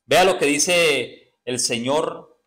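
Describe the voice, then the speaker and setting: A man's voice: on the high side, very slow, a bit bright. A man preaching a sermon to his congregation, stopping to ask them questions and answering himself, often repeating words while he searches for them. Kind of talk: sermon teaching.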